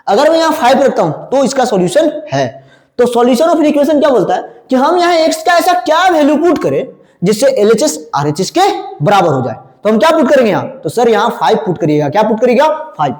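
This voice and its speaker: A male math teacher with a high, sing-song voice that leaps up and down as he quizzes his class. He keeps asking a question and supplying the answer himself. The sound is roomy, with a long reverb trailing after his words. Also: a little mellow. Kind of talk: classroom lecture. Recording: echoey room with long reverb.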